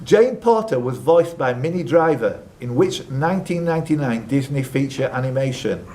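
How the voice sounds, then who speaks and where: At a live quiz event in a social club, a chatty male quizmaster reads out pub-quiz questions at normal speed. His medium-pitched voice is animated and somewhat dark in tone, and he drops off-the-cuff asides between questions.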